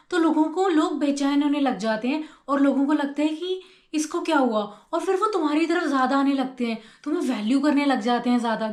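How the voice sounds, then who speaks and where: A woman's voice: sits high, a little mellow. Echoey-voiced woman giving life advice. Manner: conversational, explains with everyday examples. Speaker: YouTube host. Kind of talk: casual motivational talk. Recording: echoey room.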